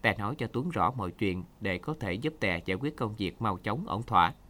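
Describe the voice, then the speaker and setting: A man reading a short story aloud for a radio program in an expressive storytelling manner. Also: lowish voice, fairly quick. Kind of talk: scripted narration.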